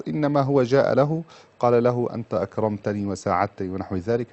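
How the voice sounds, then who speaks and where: An Egyptian-accented man answers as an Islamic scholar in a lowish voice. He talks fast, moving between formal and colloquial Arabic and returning to set phrases. The broadcast sound is a little dull. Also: warm tone. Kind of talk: live religious advice, mixing formal and colloquial Arabic.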